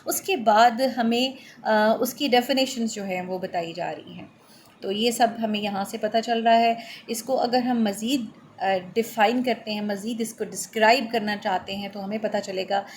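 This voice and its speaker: A middle-aged woman, explaining a lesson in a measured way, with many fillers and English terms. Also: medium pitch, fairly even intonation, a little hiss or hum. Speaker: lecturer. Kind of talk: explanatory lecture.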